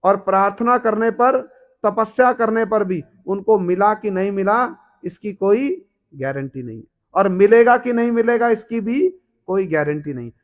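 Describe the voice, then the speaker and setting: Man, high voice, devotional storytelling sermon, keeps quizzing the listeners. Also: expressive, measured pace. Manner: asks the audience rhetorical questions, acts out characters. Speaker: preacher.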